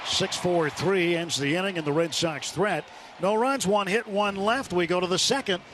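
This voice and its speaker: A baseball play-by-play announcer, voice a bit high, calls the game on live radio at normal speed from the stadium booth. Plenty of loud ballpark ambience rides under his commentary in the noisy outdoor broadcast.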